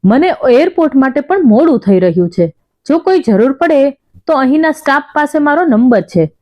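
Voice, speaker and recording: A woman narrator doing a cold, detached grown son, speaking in an even, businesslike tone. The voice rides a bit high with lively pitch, in dull lo-fi storybook sound. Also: moderate pace, dry recording. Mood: hurried. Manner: calm, businesslike.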